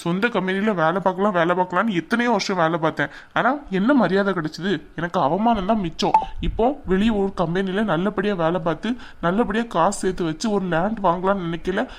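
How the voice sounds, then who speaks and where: A woman's voice: mid-range voice, fairly quick, slight background noise, natural voice. A woman voicing a stubborn, resentful grown son in a cartoon, arguing indignantly. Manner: indignant, argumentative. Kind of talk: cartoon voice acting.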